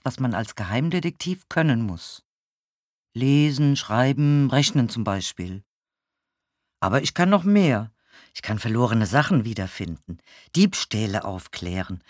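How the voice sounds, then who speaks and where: Slow, lively children's audiobook narrator. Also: medium pitch, dry recording, studio quality. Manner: slow, lively storytelling as a seven-year-old boy detective.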